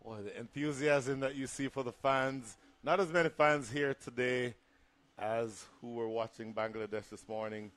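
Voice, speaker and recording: A man's voice: mid-range voice, steady tone, normal speed, fairly bright tone. A man giving live cricket commentary and analysis, explaining the play in a conversational way.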